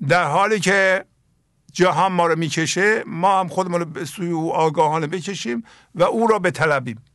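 Man with an Iranian Persian accent, middle-aged, gravelly, slightly high voice, dry close sound, poetry sermon. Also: a bit bright, dry recording. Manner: slow, emphatic recitation of verses then plain explanation. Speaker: spiritual teacher. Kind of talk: reciting and explaining mystical poetry.

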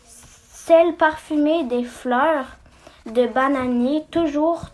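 A woman voicing a brave young boy hero in a storybook, reading slowly with small stumbles. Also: sits high, darkish tone. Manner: slow, halting reading.

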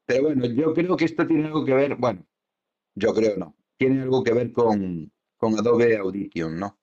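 A man chats casually as a podcast co-host, his mid-pitched voice wandering through fillers and restarts. The recording is a little dull and lo-fi. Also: moderate pace, darkish tone. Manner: rambling, many fillers and restarts. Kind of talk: casual chat.

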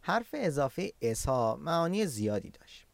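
A man teaching Korean in an online lesson, explaining patiently and repeating words for learners, sometimes slowing right down to spell a word out syllable by syllable. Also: fairly high pitch, big pitch swings, creaky, no room sound.

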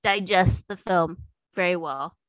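A woman co-hosting a podcast, chatting casually about films and TV in a lively, animated way and laughing easily. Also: on the low side, measured pace, no room sound. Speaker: podcast co-host.

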